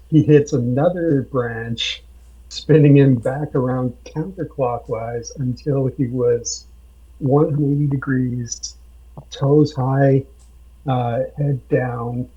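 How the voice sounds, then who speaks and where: A man on a podcast, telling a tabletop game story slowly with many pauses and fillers. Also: mid-range voice, dark tone, slightly rough. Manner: slow, halting with many fillers. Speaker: podcast guest, game master. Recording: dull lo-fi sound.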